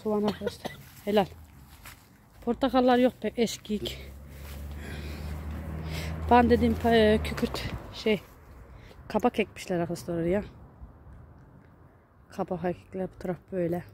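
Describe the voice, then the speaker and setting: A woman with a mellow, warm-toned voice of middling pitch strolls through her rural garden, chatting casually to her viewers and her little daughter. She is recorded outdoors on a handheld camera. Faint outdoor ambience sits behind her. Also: steady tone, normal speed, pauses often, slight background noise. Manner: chatty, addressing viewers and her small daughter while walking. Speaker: vlogger and mother. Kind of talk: casual garden tour vlog. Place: outdoor home garden in the countryside near a mountain.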